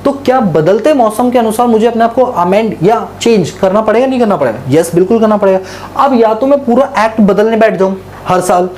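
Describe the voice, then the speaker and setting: Mellow-voiced male tax lecturer. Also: high-pitched, a little fast, slight background noise. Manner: asks the class questions and answers them himself; mixes English terms into Hindi speech. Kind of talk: classroom lecture.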